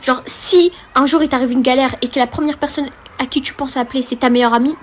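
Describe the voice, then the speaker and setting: Young woman vlogger, high and quick, emotional storyteller who acts out dialogue, faint hiss behind. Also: steady tone. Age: young adult. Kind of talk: casual storytime to viewers.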